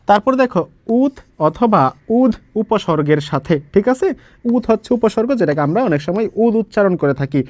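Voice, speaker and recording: A young man from Bangladesh leads a grammar lesson for exam students. His voice sits high and is recorded dry and close, with no room around it. He explains patiently, point by point, often posing a question and then answering it himself. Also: no room sound. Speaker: teacher.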